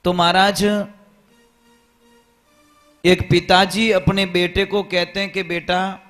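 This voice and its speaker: Man, Rajasthani accent, dramatic storyteller preacher, high voice, soft music under. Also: level tone, takes it slowly. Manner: dramatic storyteller, acting out dialogue. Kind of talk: Hindi devotional sermon with storytelling.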